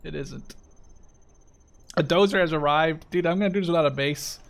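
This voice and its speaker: A Canada-based Dutch man in his twenties hosts a gaming video, his voice on the high side at a normal speed. His commentary is casual, rambling, and enthusiastic, with plenty of swearing. War strategy game sounds play clearly in the background.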